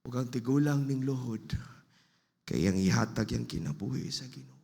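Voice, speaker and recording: A man with a Filipino accent preaching a sermon as pastor, slow and emphatic, in a church hall. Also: medium pitch, gravelly, darkish tone, husky. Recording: long reverb of a church hall.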